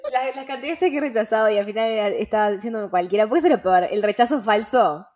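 A woman's voice: fairly high pitch, very fast, a little mellow. A young woman with a Rioplatense Spanish accent, hosting a casual podcast chat, slangy and full of fillers and laughing asides. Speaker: podcast host.

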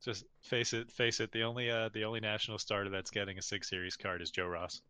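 A man with a lowish voice and a bright, forceful tone jokes his way through a casual podcast chat. He stammers at the start of sentences. The recording is dry and close. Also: little pitch movement, fast talker, smooth, no echo.

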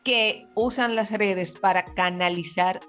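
A woman's voice: medium pitch, slow, fairly bright tone, soft background music. A woman on a casual panel chat, explaining her points at length and calling others mi amor. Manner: explanatory, agreeing, uses mi amor. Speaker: panel co-host.

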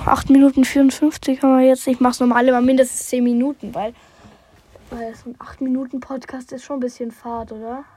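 A woman's voice: high voice, a little mellow, breathy edge, rough recording. A young woman hosting a casual solo podcast recorded on her phone, chatting loosely, losing her thread and breaking off mid-sentence. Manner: chatty, scattered, self-interrupting, often drops to a whisper. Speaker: podcast host. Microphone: phone, no microphone.

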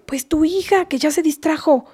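In a comedy sketch, a woman plays a scolding but loving mother with a Mexican accent, lecturing her daughter in a half-whisper. Her voice is high, mellow and natural, at a moderate pace.

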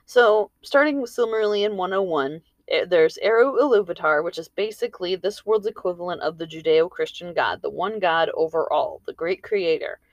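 A woman hosts a storytelling podcast from a room at home. Her voice sits slightly low and the sound is dry, with little room echo. She moves between narration and informal, rambling commentary. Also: normal speed, few pauses, lo-fi sound. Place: room in a house.

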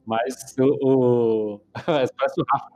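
A man's voice: medium pitch, slow pace, muffled recording, faint music behind. Slangy young Brazilian man in long reverb. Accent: Brazilian Portuguese. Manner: slangy, swearing, animated storytelling. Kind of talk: casual chat.

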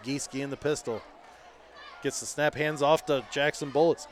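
A man calling high school football play-by-play on local radio, building to shouts on big plays and reading sponsor spots. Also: steady tone, moderate pace, a little hiss or hum. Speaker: play-by-play announcer.

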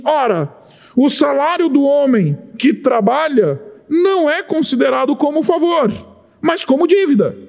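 High-pitched Brazilian pastor preaching in a hall. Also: male voice. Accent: Brazilian Portuguese. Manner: impassioned, rising to shouts on key points. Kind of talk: sermon.

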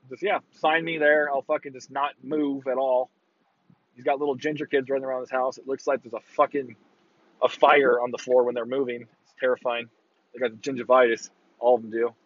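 A man's voice: medium pitch, fairly bright tone, dry recording, lo-fi sound. A man with a worn, burnt-out voice giving a casual, profane, blunt rant as a football talk host. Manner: opinionated, breaking into mocking quotes.

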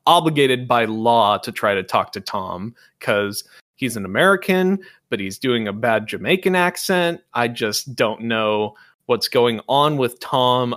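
A man with a lowish voice co-hosts a casual gaming podcast. He rambles and fills his sentences with "like" and "uh", and he steers the chat with questions. His voice is recorded dry, with no room sound. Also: a little slow, a bit bright, dry recording. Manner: rambling, heavy use of "like" and "uh"; leads the discussion with questions. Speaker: podcast co-host.

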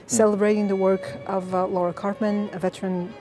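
A woman talks a little fast in a mid-range voice as music plays in the background. She's a Bulgarian game composer giving casual interview answers, telling her story with passion, liveliness, and lots of fillers.

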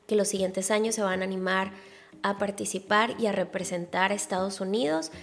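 A woman's voice: medium pitch, a little fast. Nasal woman, chatty podcast host. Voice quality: nasal, congested-sounding voice. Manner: chatty, informal, emphatic with rhetorical questions. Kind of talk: casual solo podcast monologue, addressing listeners directly.

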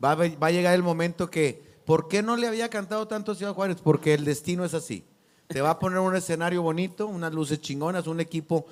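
A man with a Mexican Spanish accent hosting a casual bar chat, loud and joking with heavy slang. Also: on the high side, fast talker. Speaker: podcast host.

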